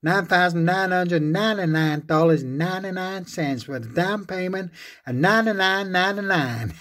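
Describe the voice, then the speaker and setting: A man's voice: high-pitched, normal speed, a bit bright, pitched above the performer's own voice. A man voicing a pushy male American used-car salesman in a put-on American accent, rattling off prices full of nines. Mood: salesy.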